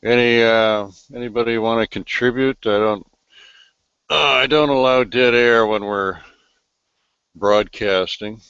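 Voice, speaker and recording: A man hosting a live online talk show over a video call, speaking in a slow, reflective way with many pauses and fillers. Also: mid-range voice, steady tone, fairly bright tone, clean tone, no room sound, lo-fi sound. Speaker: host.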